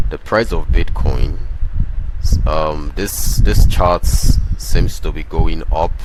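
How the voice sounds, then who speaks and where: A man giving chart commentary as a crypto host, pitching like a crypto bro in an insistent, repetitive, self-assured and emphatic way. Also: heavy background noise. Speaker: crypto trading host who calls himself a prophet.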